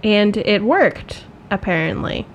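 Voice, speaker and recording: A woman co-hosting a casual podcast, chatty and quick to laugh at herself. Her voice sits at an ordinary middle pitch. A faint hiss of noise lies under the recording. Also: expressive, dull audio. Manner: laughs often, chatty and self-mocking. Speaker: podcast co-host.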